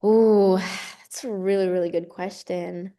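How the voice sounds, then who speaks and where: A woman's voice: lowish voice, fairly even intonation, moderate pace, a little mellow. A young adult woman, a college gymnast, speaking in an earnest, effusive and emphatic way as the guest in a casual interview.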